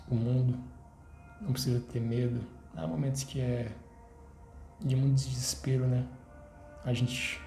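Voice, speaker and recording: Young man, Brazilian accent, gravelly fry, warm mellow tone, earnest faith testimony, roomy echo. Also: mid-range voice. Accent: Brazilian Portuguese. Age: 20s. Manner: earnest, exhorting, repeats phrases in lists. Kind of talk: personal faith testimony to camera. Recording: roomy echo, faint music behind.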